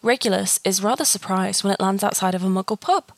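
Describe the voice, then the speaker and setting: Woman narrator, mid-pitched, reading a story steadily; close, dry recording. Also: fast, no room sound. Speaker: fan fiction reader.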